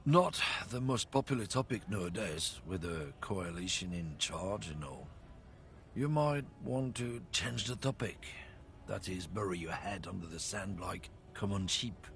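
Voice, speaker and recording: A sneering bigoted lecturer. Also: male voice, low-pitched, animated, gravelly, fairly bright tone, a little hiss or hum, exaggerated voice. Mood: mocking. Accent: heavy continental European-sounding accent. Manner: sneering, lecturing, drawn-out swoops. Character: bigoted middle-aged man preaching racial superiority, scornful.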